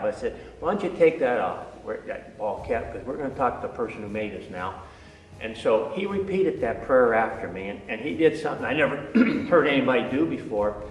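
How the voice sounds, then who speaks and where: An older man, a former navy diver, telling a personal testimony in an earnest, halting way with frequent restarts. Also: medium pitch. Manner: earnest storytelling, frequent uh and repeated words. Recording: echoey hall, from a distance.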